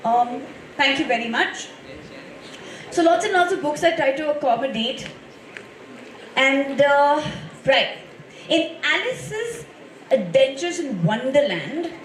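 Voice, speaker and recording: A woman's voice: high voice, sing-song, unhurried, a little hiss or hum. A woman hosting a school event, addressing an audience in a polite, formal way. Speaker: event host quizzing schoolchildren. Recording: roomy hall sound, distant microphone.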